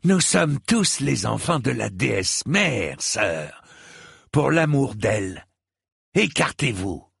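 A man's voice: medium pitch, very animated, takes it slowly, vocal fry, a bit bright, breathy edge, no echo, studio quality, full character voice. A man voicing a pious septon who coaxes and pleads, in an audiobook reading. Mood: coaxing.

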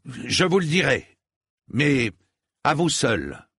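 Brief: earnest young knight, voiced by a male narrator, somewhat raised voice, husky grain. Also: medium pitch, big pitch swings, slow pace, pushed and bright, no room sound, clean studio sound, pitched above the performer's own voice, exaggerated voice. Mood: firm. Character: young hedge knight, plain and steady.

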